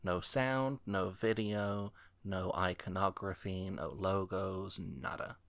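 A man co-hosting a casual podcast, telling wry stories in a dry, deliberate way. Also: low voice, gravelly, fairly bright tone. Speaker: podcast co-host. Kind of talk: casual chat over a watch-along.

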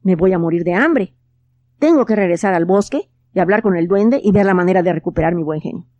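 A woman's voice: lowish voice, lively intonation, a little fast, mellow, lightly acted. A woman voicing a grumpy, hot-tempered young boy in a storybook, sulky and whiny. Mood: worried.

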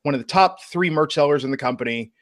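A man's voice: a little high, fast talker, a bit bright, no echo, studio quality. A man co-hosting a podcast, chatting casually and animatedly about wrestling news. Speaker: podcast co-host. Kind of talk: casual wrestling talk chat.

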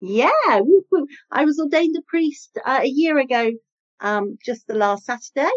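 Female podcast guest, very animated, chatty and hesitant, slightly muffled recording. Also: sits high, moderate pace. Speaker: podcast guest, priest in training. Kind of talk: casual, giggly chat. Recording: slightly dull, lo-fi sound.

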